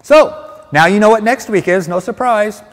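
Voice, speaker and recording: A man's voice: high-pitched, moderate pace. A man co-hosting a live detailing class, reading out viewer comments in an easygoing, joking way and laughing often. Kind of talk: casual live-stream chat. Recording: reverberant room.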